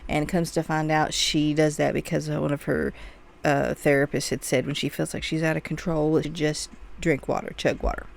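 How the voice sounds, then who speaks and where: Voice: medium pitch, level tone, moderate pace, creaky. A movie reviewer giving a casual, chatty spoiler recap of a film, full of "like" and "you know".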